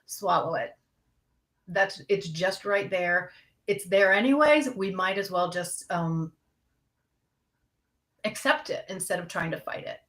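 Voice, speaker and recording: A woman's voice: medium pitch, a bit bright. A young adult woman counselor talking candidly and conversationally about anxiety to a live audience. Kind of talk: casual talk on anxiety.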